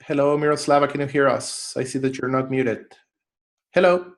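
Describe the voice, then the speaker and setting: A man's voice: mid-range voice, moderate pace. A man moderating an online conference session, upbeat and encouraging. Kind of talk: live moderating. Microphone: video call.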